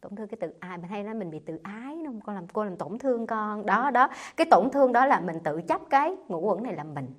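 A Buddhist nun with a lilt teaches a sutra class in a chatty, lively way. She keeps asking her listeners questions and answers them herself, with an animated, swinging pitch. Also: fast talker, few pauses. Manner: lively, conversational, quizzing listeners with rhetorical questions. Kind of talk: dharma talk to a live audience.

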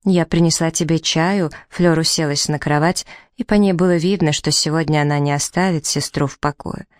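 A woman reading a novel aloud as narrator, in even, measured storytelling. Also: deep voice, no echo, studio quality. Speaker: audiobook narrator. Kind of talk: scripted narration.

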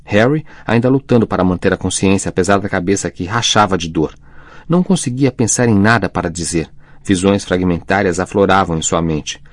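A man narrating an audiobook in a steady, measured reading on a close studio mic. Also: sits low, no room sound. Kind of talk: scripted narration.

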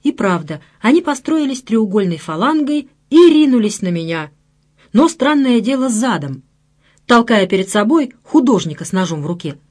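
Brief: a woman with a higher voice reading a first-person audiobook wryly. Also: very animated, moderate pace, darkish tone. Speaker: audiobook narrator.

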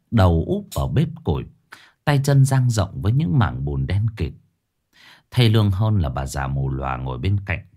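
A man's voice: low voice, warm tone. A man narrating a ghost story dramatically.

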